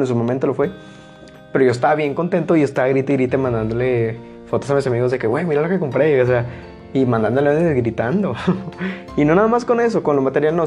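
A young man with a Mexican Spanish accent telling stories casually, with a blunt, forceful delivery that gets louder as he goes. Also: medium pitch. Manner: loud, blunt delivery that rises into shouting when excited. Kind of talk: casual storytelling monologue.

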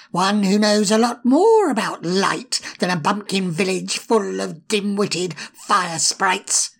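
A woman voicing a sly, spiteful male imp in a storybook, mocking and insulting in a raspy, put-on voice. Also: full character voice. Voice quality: gravelly, raspy. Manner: mocking, sneering, darts between whispers and shrill taunts. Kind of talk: storybook reading.

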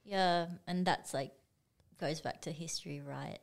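Young woman from Singapore, slow and unhurried, fairly low voice, easygoing chat. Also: vocal fry. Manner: relaxed, laughs often, trailing sentences. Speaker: artist. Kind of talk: casual chat.

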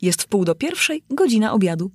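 A woman's voice: medium pitch, sing-song, fairly quick, darkish tone, breathy edge, no room sound, voice pushed up. Rambling sing-song hatter at a tea table, storybook, dry close sound, a woman doing him. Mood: rambling, whimsical.

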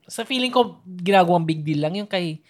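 Woman, low pitch, casual chat, chatty, code-switching. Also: animated, normal speed. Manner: chatty, mixing English into her talk, thinking aloud.

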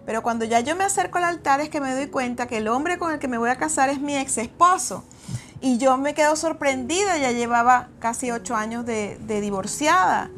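High-voiced woman sharing a testimony. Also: a little fast, a bit bright, slight background noise. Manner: earnest, storytelling with frequent restarts. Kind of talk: personal testimony and exhortation.

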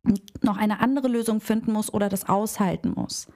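Woman, hairdresser, reflective self-help talk, soft dark tone, addresses the listener directly. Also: mid-range voice, fairly even intonation, normal speed. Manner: speaks directly to the listener with everyday examples.

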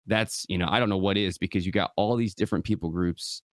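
Young man, very deep voice, West Michigan, casual and earnest guest, dry close recording. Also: quick pace, dry recording. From West Michigan, USA. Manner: relaxed, earnest, many fillers like "you know". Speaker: guest, gaming preacher. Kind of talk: casual interview conversation.

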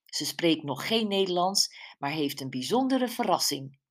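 A woman's voice: lowish voice, very animated, normal speed. A woman putting on Karen, a confident village announcer. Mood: announcing. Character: woman welcoming a village crowd, lively and confident.

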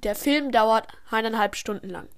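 Girl's voice doing a teasing sub teacher guy, kinda bossy, highish. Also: normal speed, natural voice. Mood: breezy. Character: male substitute teacher, jokey and bossy.

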